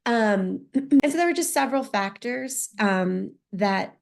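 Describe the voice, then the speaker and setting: She talks slowly in a fairly high, gravelly voice with lively intonation. This podcast guest, a U.S. woman in her thirties or forties whose first language is Spanish, reflects openly on her life in an interview, frequently restarting her sentences.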